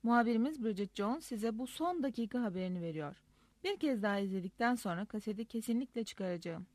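A woman narrating a first-person diary story aloud in a lively, expressive reading. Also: on the high side, fast, no room sound. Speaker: audiobook narrator.

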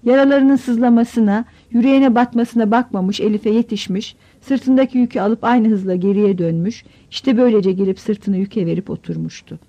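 A woman narrating a novel in measured storytelling, giving the characters voices. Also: a little high, fairly even intonation, warm tone. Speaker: audiobook narrator. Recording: dull lo-fi audiobook recording.

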